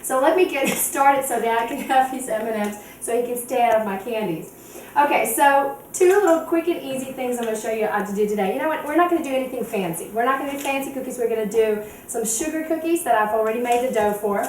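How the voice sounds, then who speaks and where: A cooking show host demonstrates a recipe in her home kitchen, chatting and giggling as she walks through each step. Her voice is on the high side and darkish in tone, and she talks quickly. The kitchen is echoey, the mic distant, with faint noise.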